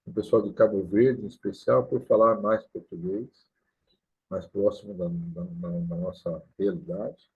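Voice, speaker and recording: A Brazilian man, a pastor, talking casually to the camera and explaining things slowly, often adding "né?" at the end. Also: sits low, steady tone, darkish tone, slightly rough. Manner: explains slowly with many "né?" tags. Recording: tinny lo-fi sound.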